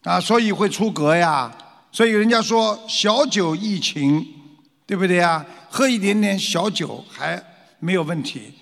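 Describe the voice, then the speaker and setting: This man's voice sits high and has a creaky quality, and he takes his time. Lecturing his followers, he stays animated, poses rhetorical questions and acts out frightened voices, all inside a long hall reverb.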